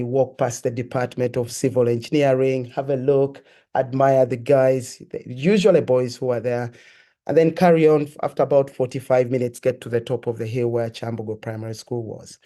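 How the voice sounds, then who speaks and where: In an interview, a male guest from Uganda gives a personal testimony of his life story. He tells it in a reflective, earnest, measured way, in a warm, mid-range voice.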